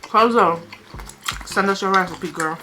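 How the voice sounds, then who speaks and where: A woman's voice: medium pitch, unhurried, background noise. A woman co-hosting a casual eating show, chewing while she talks in informal, slangy, repeated phrases. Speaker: mukbang co-host. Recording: music playing behind the talk.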